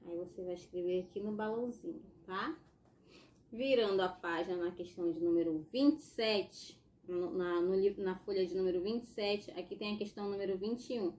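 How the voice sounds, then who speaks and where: A woman's voice: mid-range voice, warm tone, slight background noise. Patient Brazilian woman teaching young children. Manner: patient and explanatory, tagging sentences with "tá?" and "ó". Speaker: primary school teacher. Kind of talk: recorded remote lesson for young children.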